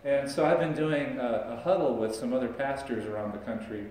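The sermon comes from a middle-aged pastor speaking fairly quickly in a darkish mid-range voice, conversational in tone and gesturing throughout. A camera far away, no mic in sight, records him in the large indoor sanctuary, producing echo and slight hiss or hum.

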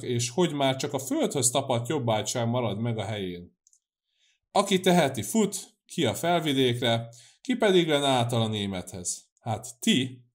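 A man's voice: medium pitch, natural voice. A man voicing a stubborn old priest with a dull, muffled way of speaking in an audiobook. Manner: gruff, testy.

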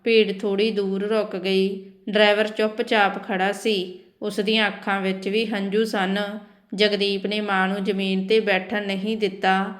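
A woman storyteller reads a scripted family tale in a measured way. Her pitch sits in the middle and barely moves, giving a level, even delivery. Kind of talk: scripted narration.

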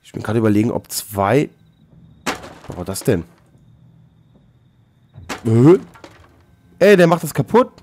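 A man hosting a Let's Play, chatting casually with a co-op partner, excitable and joking, often exclaiming. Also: medium pitch, measured pace, pauses often, a little hiss or hum. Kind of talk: casual co-op gaming chat.

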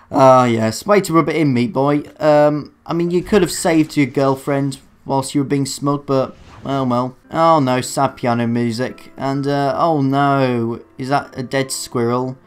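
Male gamer, unhurried delivery, mid-pitched voice, cursing and sarcastic about his own failures. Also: steady tone, clear, resonant tone. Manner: sarcastic, self-mocking asides. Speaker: let's play gamer. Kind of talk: gameplay commentary. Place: dark room alone at a computer.

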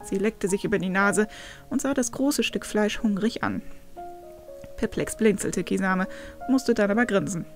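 A woman narrating fan fiction aloud at an even storytelling pace. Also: mid-range voice, moderate pace, soft background music.

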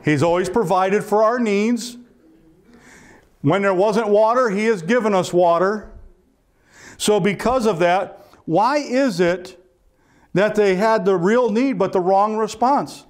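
A man preaching a sermon as pastor, earnest and asking his listeners rhetorical questions. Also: sits high.

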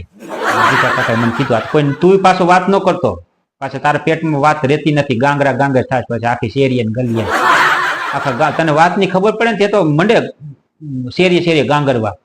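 A man's voice: a little high, heavy background noise. Laughing rustic storyteller man. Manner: chatty, laughing, rustic banter. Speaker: comic storyteller. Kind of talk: rustic village comedy storytelling.

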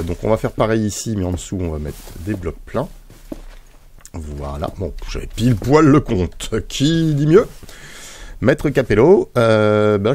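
A man hosting a gaming video, giving casual, chatty commentary as he builds. He talks playfully and fills pauses with little mouth sound effects. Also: on the low side, a little mellow, a little hiss or hum.

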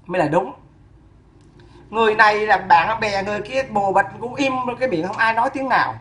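A woman delivers a long, furious scolding rant. She fires off insults at a rapid clip, in a fierce, sing-song rhythm. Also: medium pitch, a bit bright, a little hiss or hum. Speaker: woman ranting at a neighbor. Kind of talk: ranting scolding monologue.

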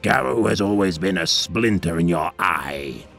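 A narrator doing a sly, husky, gurgling captain, low and gravelly. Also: male voice, lively intonation, measured pace, fairly bright tone, soft background music, full character voice. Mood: insinuating. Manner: sly, insinuating. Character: scheming diseased male war captain, sly and ambitious. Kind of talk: audiobook character voice.

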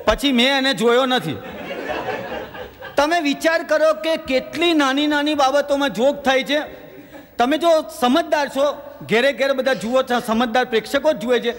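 A male stand-up comedian tells everyday anecdotes and slips into quick voices for the characters. His voice sits very high for a man. A long hall reverb trails behind every line. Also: a bit bright. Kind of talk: stand-up joke telling in a stage show.

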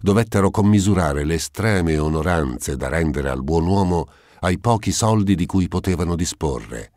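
A man narrating a classic novel as an audiobook, in a measured, solemn way. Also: low voice, expressive, a little mellow, dry recording, studio quality. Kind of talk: scripted literary narration.

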